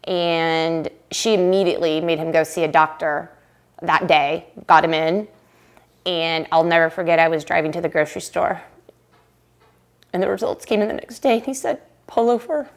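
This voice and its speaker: Woman, fairly low voice, animated personal storytelling, casual fillers. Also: moderate pace. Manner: animated, acts out quotes, casual fillers like "like" and "right?". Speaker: interviewee telling her story.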